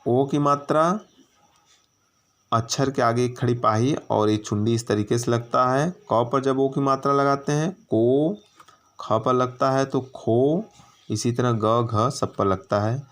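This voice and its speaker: Male teacher for small kids, patient, draws out each sound clearly, mid-pitched everyday voice. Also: a bit bright. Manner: patient, drawn-out syllable demonstrations. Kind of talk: children's lesson on Hindi vowel signs.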